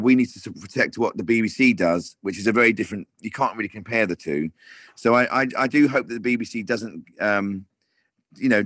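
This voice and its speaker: A man in a casual interview talks at length about directing, his voice sitting a touch low. He rambles and restarts often. The sound is close and dry. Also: a bit bright, dry recording. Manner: rambling, many restarts and fillers.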